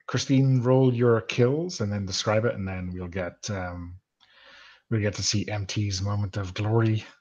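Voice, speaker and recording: Male game master, lowish voice, hesitant and casual, dull lo-fi recording. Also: a little mellow. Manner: hesitant, many fillers, easygoing. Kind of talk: running a tabletop game session.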